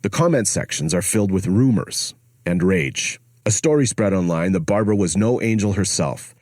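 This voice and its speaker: A man hosting and narrating a documentary podcast in a grave, measured tone, recorded on a studio mic. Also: low voice, a little mellow, dry recording.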